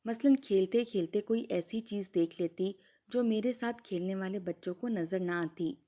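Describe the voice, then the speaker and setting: Mellow-voiced woman narrating a story. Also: mid-range voice. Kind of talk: scripted first-person story narration.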